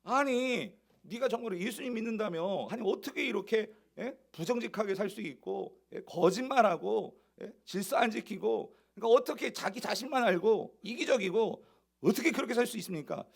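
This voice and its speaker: A male pastor voicing an ancient king who angrily rebukes someone with rapid-fire questions. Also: sits high, lively intonation, creaky, pitched above the performer's own voice, full character voice. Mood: indignant scolding.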